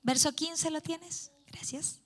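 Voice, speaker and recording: A woman's voice: high-pitched, steady tone, slow. A woman preaching a youth sermon in church, reading scripture aloud and explaining it earnestly. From Chile.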